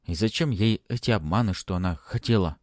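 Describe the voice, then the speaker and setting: A man voicing a nervous, touchy male ghost who yells and complains. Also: a little fast, no room sound, clean studio sound. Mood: complaining. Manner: shrill, yelling.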